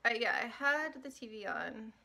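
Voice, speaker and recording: A woman's voice: on the high side, expressive, normal speed, creaky, bright, forceful tone. A young woman vlogger talking casually to camera, rambling and self-mocking, often laughing at herself.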